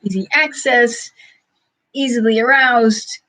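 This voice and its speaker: A woman hosting a casual livestream, answering chat questions in a halting, thinking-aloud way with frequent chuckles. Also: fairly high pitch, fairly even intonation, sharp tone, rough recording.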